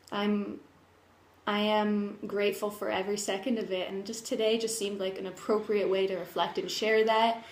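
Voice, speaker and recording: A woman in a pensive, candid and earnest personal monologue, searching for words and letting thoughts trail off as they reflect. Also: mid-range voice. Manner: candid, earnest, emotionally open. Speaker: personal development vlogger sharing their own journey. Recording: echoey room.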